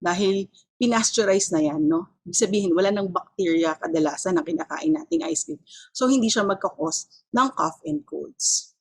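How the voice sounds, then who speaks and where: A woman's voice: mid-range voice, lively intonation, moderate pace, creaky, husky. A woman with a Filipino accent giving an explanatory health talk, mixing Filipino and English and often checking in with her listeners. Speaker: health educator.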